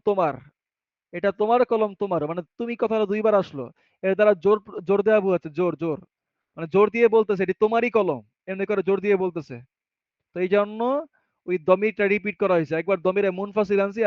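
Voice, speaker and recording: Patiently giving a classroom lesson on Arabic grammar, a man whose voice sits fairly high reads example sentences slowly and responds to his own questions as he goes. The sound is close-miked and dry, dull and a bit muffled, with no room sound.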